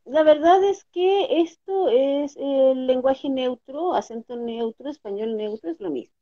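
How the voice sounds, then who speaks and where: A Chilean woman with a high voice speaks unhurriedly, explaining her craft as a dubbing actress and teacher in an interview. She often checks in with her listener. The audio is dull and lo-fi.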